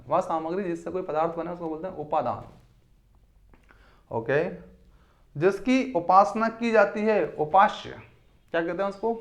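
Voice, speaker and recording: A man's voice: high-pitched, lo-fi sound. A man teaching a recorded exam-prep lesson. He calls his students his children, repeats each term several times, and quizzes the listener.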